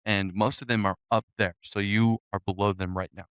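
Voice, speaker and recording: A man narrating a tabletop game as game master, unhurried and filling pauses with "um". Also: on the low side, level tone, clear, resonant tone, no echo, studio quality. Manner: unhurried, with frequent "um" fillers.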